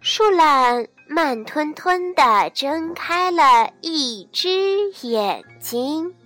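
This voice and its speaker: High, sing-song woman storyteller. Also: expressive, extremely slow, no echo. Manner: gentle, sing-song, soothing. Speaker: children's storyteller. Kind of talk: bedtime story narration for children. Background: soft background music.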